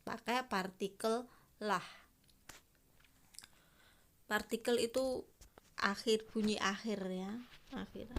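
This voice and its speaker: A woman's voice: medium pitch, slight background noise. A woman teacher, patiently explaining a grammar lesson to young pupils and asking them questions.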